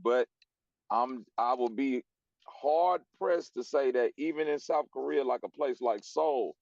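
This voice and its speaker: A man's voice: mid-range voice, unhurried, darkish tone, no room sound. A man from Chicago speaking argues insistently in a casual debate, pushing to be heard. His voice sits mid-range and sounds dry and dull, with no room around it. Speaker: panelist.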